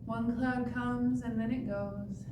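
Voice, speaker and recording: Serene, slow-spoken woman guiding tai chi. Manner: serene, calm, meditative cueing with long pauses. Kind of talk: guided tai chi and breathing cues. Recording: echoey, distant mic with clear rumbling noise.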